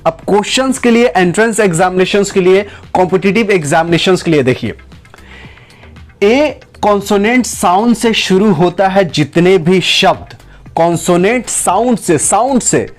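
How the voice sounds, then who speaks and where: A man teaching English grammar, who repeats and slowly stretches out each example sentence. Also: high-pitched, lively intonation, faint music behind. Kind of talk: spoken lesson to camera.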